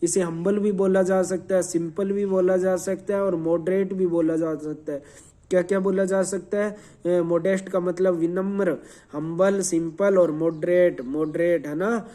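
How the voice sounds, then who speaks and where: Speaking in a high, warm voice with a steady tone, a male teacher runs through a fast revision lesson. He quizzes the class, repeats answers and spells words letter by letter.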